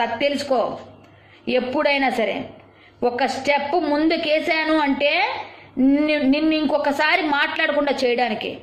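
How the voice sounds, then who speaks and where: Woman, high-pitched, angry rant, rapid rhetorical questions, roomy echo. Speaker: video commentator. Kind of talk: angry rant addressed to a rival.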